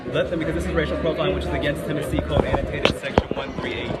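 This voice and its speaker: A man speaks firmly and insistently as he films a confrontation. A loud crowd fills the space around him, with music playing over it. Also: on the high side, fairly even intonation, very fast. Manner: firm, insistent. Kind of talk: confrontation filmed on a phone.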